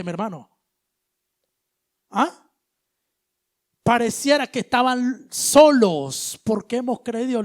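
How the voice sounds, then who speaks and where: A male preacher giving an animated sermon, moving between loud exhortation and hushed asides, with casual slang. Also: very high-pitched. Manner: colloquial, uses street slang.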